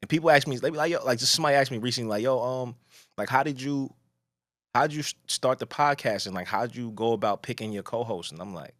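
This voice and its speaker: A man hosting a laid-back podcast, talking in loose slang and voicing what other people told him. His voice sits in a middle pitch, recorded close and dry with no room sound. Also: fast talker, fairly bright tone, no room sound. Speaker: podcast host. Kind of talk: casual chat.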